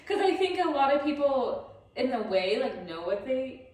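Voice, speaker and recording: A woman's voice: sits high, very animated, moderate pace, darkish tone. Bubbly woman host in an echoey room. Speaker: host of a wine-tasting interview series. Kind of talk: casual interview chat. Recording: echoey room, mic at a distance.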